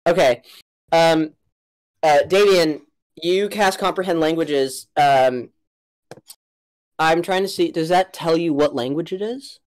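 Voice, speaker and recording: A woman narrating a tabletop game as game master, casual and halting as she thinks aloud. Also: low-pitched, a little mellow, poor audio.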